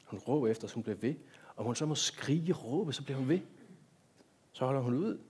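A man's voice: mid-range voice, lively intonation, darkish tone, slightly rough. A man giving a sermon in a church, talking directly to the congregation and asking them many rhetorical questions. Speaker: pastor.

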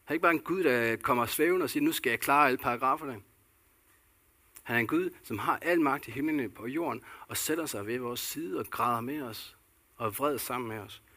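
Man, pastor's sermon, gravelly husky voice, bright edge, earnest rhetorical questions. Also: medium pitch.

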